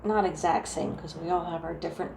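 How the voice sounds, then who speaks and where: A woman with a New Jersey accent talks through a tarot reading in a mellow, dark-toned voice. She meanders with frequent restarts and fillers. The room is echoey, with a faint ambient hum behind her. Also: fairly low pitch, steady tone, brisk, vocal fry. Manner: soft, meandering, full of restarts and "like". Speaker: tarot reader. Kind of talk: casual tarot reading to camera.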